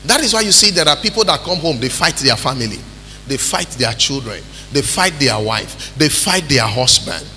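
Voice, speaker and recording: Nigerian pastor preaching in a reverberant hall. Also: male voice, mid-range voice, expressive, normal speed, a little hiss or hum. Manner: preaching with call-and-response, rising to shouts. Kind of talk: sermon. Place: church hall. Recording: reverberant church hall with music.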